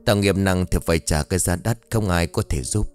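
Man voicing a calm young talisman-maker, reassuring, audio story, low voice. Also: fairly quick, soft background music, natural voice.

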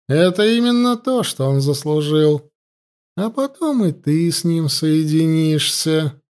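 A man voicing a cruel, scheming older female high priestess who mocks and commands in a cold voice. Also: darkish tone. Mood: gloating.

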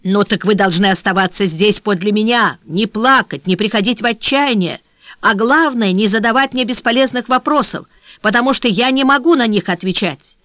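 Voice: mid-range voice, normal speed, fairly bright tone, dry recording, close to an everyday voice. A cunning male abductor speaks coldly and insistently while putting on false friendliness, as the reader voices him. He is an audiobook character, heard close and dry with no room sound. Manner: cold, insistent, feigning friendliness. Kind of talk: audiobook reading.

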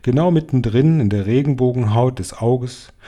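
A man's voice: medium pitch, normal speed, warm tone, pitched above the performer's own voice, natural voice. A man voicing a stern, knowing old grandmother who gives grave, matter-of-fact warnings in a storybook.

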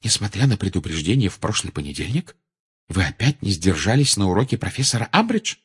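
A man reading as a strict older woman professor, his voice lifted above its usual range. She clips her words and delivers her rebukes acerbically, with a husky edge. It is an audiobook character voice. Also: mid-range voice, sing-song, normal speed, pitched above the performer's own voice. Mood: stern. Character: stern older female professor.

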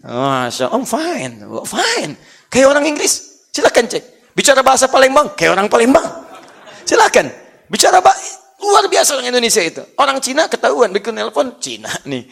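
A male preacher giving a sermon to a congregation. He jokes and laughs, repeats challenges to his listeners, and swings from hushed, slow passages to loud, high outbursts. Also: gravelly. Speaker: Islamic preacher.

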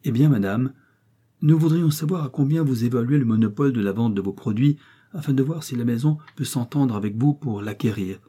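A smug young shop clerk, as a male reader puts him on, fussy and pompous, full of overly polite salesman talk. The voice stays dark and somewhat husky. It sounds like a storybook reading. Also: medium pitch, a little fast, lightly acted.

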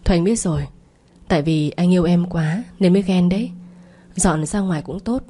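Woman doing jealous young man, coarse, wheedling, low mellow voice, audio story. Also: brisk, close to an everyday voice. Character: jealous, crude young male lover.

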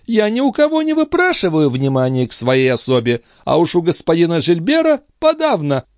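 A man voices a haughty, scornful young noblewoman in a cold, cutting, mocking manner, pitched above his own voice. The delivery is fairly high with huge pitch swings at a moderate pace, recorded dry and clean in a studio.

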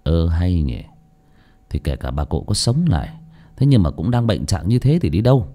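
A man voicing a stingy rich husband in an audio story, gruff and stammering in confusion. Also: low-pitched, sing-song, normal speed, warm tone, voice pushed down, exaggerated voice. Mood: bewildered.

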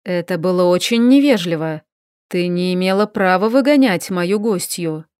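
A proud male warlock from a fantasy audiobook, as a woman reader puts him on, pitched lower than her own voice. He hisses and talks down coolly, dodging blame. The sound is close and dry. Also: lively intonation, moderate pace, a little mellow, smooth, no echo, close to an everyday voice. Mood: defensive. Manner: cool, hissing, condescending. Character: haughty male warlock, defensive and evasive.

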